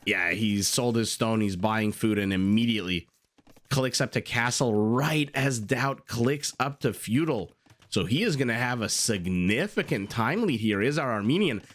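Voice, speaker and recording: A strategy game match gets cast by a man whose raspy voice sits in the mid-range and moves at a normal speed. He works into a desktop USB condenser mic, chatty and excitable, with frequent exclamations and asides.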